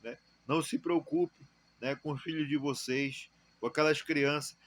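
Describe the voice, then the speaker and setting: Brazilian man, testimony preacher; stammering, repetitive delivery, raised pitch, dry close mic. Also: steady tone, dry recording. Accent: Brazilian Portuguese. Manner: halting, many repeated words and fillers; preaching exhortation. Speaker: church member giving testimony. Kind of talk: spoken testimony.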